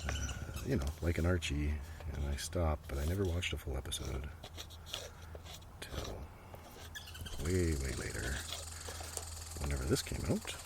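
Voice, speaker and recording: A man's rumbling low voice comes through hushed and unhurried, with long pauses, as he rambles in ASMR style about the things he's showing and sometimes whispers. He's an ASMR creator recording outdoors, where a gentle breeze and distinct ambient noise can be heard.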